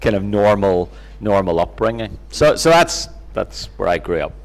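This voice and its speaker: A middle-aged man from near Belfast, Northern Ireland, with a Northern Irish accent, tells personal stories as an interview guest in a conversational, self-deprecating manner. He's a Bible teacher, and his lowish voice has lively intonation at a moderate pace in this informal storytelling.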